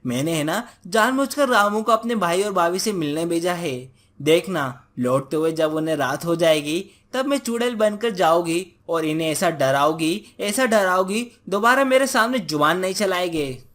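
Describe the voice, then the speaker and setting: A man voicing a sharp-tongued village wife who scolds her husband. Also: high-pitched, expressive, moderate pace. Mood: scheming.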